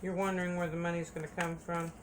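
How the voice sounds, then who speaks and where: A woman's voice: fairly low pitch, little pitch movement, fast talker, background noise. A woman giving a casual tarot reading, chatty and repeating phrases for emphasis. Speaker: tarot reader.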